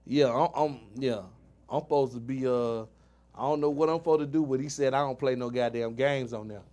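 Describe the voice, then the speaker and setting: A man's voice: medium pitch, steady tone, fairly quick, a little mellow. A man hosting a casual podcast, slangy and joking, laughing often. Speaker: host. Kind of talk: casual chat.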